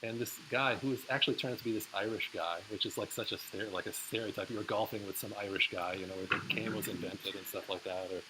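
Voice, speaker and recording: A man's voice: lowish voice, fairly even intonation, fast, few pauses. A man professor telling a personal story to his class in a casual, chatty way, with many fillers. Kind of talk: casual closing lecture story. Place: lecture hall. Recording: hissy lecture recording.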